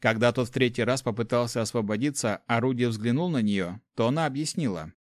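A man narrating an audiobook in a lively, expressive way. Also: mid-range voice, a little fast, no room sound, clean studio sound. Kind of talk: scripted narration.

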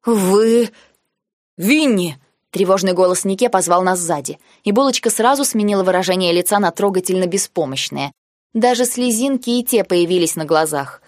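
A woman reading a first-person novel aloud in a wry, measured storytelling manner. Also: lowish voice, no room sound, studio quality. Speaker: audiobook narrator. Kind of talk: scripted first-person narration.

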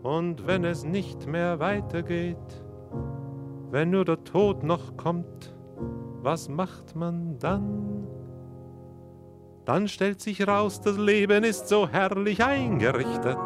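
A man delivering verse in a drawn-out, unhurried way over music. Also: high voice.

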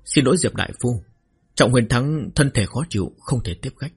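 A man's voice: medium pitch, lively intonation, normal speed, a little mellow, slightly rough, soft background music. A man voicing a plump, wily young nobleman who speaks in a formal, guarded way.

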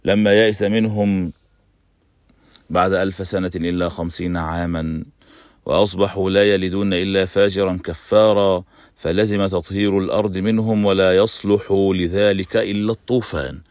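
A male sheikh hosts a religious radio lesson, telling stories of the prophets. He speaks in a measured, formal recitation with a somewhat low voice. The recording is dry and close. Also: steady tone, a little mellow, no echo. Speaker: sheikh and radio program host.

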